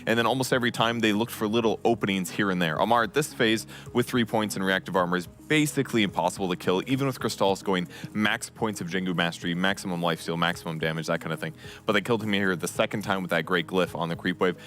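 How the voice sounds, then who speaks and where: A man's voice: sits low, a bit bright. A man giving a detailed game breakdown as an esports analyst, explaining with frequent ums. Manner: quick, explanatory, many ums.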